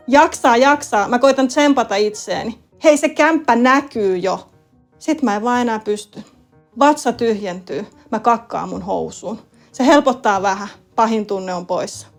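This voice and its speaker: A woman with a Finnish accent narrates her own story as a lead wilderness guide, in a calm, matter-of-fact manner. Her voice sits a little high. Faint music plays softly beneath her. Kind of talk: first-person storytelling narration. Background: soft background music.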